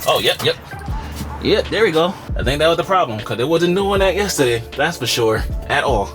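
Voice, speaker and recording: A man's voice: a little high, animated, fairly quick, music in the background. A man narrating a casual car vlog, explaining things in slang as he works. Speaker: car vlogger.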